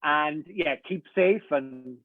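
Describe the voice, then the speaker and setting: A man's voice: a little high, slow pace, no room sound. A man, a wig designer, chatting casually on a live stream from home over a video call. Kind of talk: casual livestream chat. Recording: tinny, dry phone-like line.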